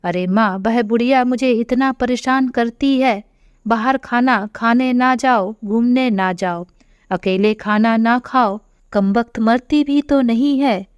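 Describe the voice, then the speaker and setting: A spoiled, resentful young wife, voiced by a woman narrator, grumbling slowly in a smooth, clear voice. The recording is dry and dull, like lo-fi audio. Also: fairly high pitch, no room sound. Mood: complaining. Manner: whiny, resentful. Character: spoiled, complaining young married daughter.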